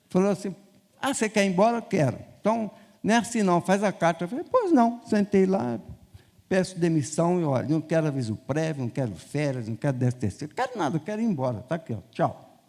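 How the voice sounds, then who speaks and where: A man's voice: on the high side, vocal fry. An older man with a Brazilian Portuguese accent, a bishop telling stories in a sermon and acting out the dialogue in voices. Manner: animated, acts out dialogue in quoted voices. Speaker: bishop preaching. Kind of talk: storytelling sermon. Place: church sanctuary. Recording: long reverb in a church hall.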